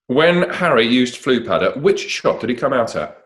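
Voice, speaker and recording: A man's voice: medium pitch, big pitch swings, normal speed, a bit bright. A middle-aged man co-hosting a quiz, reading questions and telling backstage stories. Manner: reads questions cheerfully, chatty and anecdotal. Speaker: quiz co-host.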